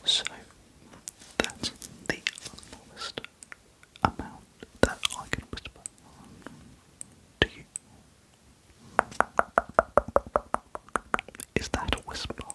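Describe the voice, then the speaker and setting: A man whispering softly into a close binaural microphone, musing aloud and asking the listener rhetorical questions. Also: slow, pauses often. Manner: very soft whisper, sometimes barely audible. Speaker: ASMR creator. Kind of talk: ASMR whispering.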